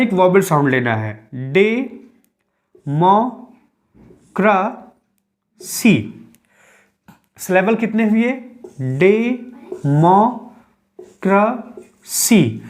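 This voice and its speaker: A man teaching English grammar in a patient, step-by-step explanatory lecture, dropping English terms into his talk. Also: high voice.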